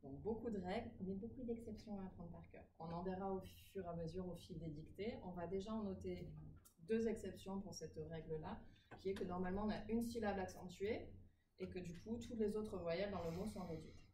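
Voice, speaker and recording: A woman's voice: on the low side, fairly quick. A woman teaching phonetics in a classroom, explaining rules patiently and often checking that students follow. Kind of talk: classroom lecture. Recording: echoey room, far from mic, background noise.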